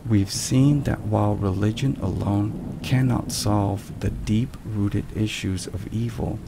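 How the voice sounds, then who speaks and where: A man narrates a soft ASMR devotional script in a low, hushed voice, going slowly with some vocal fry. His delivery is measured and solemn, set against steady rain and thunder from a storm.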